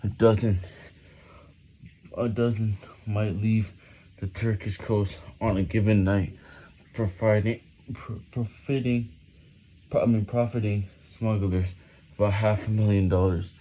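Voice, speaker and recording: Slow, low-voiced man reading during push-ups. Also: fairly even intonation, warm tone, a little hiss or hum. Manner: reading aloud while doing push-ups, effortful. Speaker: reader. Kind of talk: halting read-aloud of a written text.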